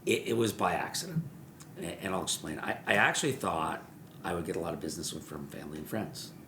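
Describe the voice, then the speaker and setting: A man, a mortgage broker, telling stories in a podcast interview, animated and repeating words as he acts out what people said. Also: low-pitched, quick pace, slight background noise. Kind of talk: storytelling interview chat. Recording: roomy echo.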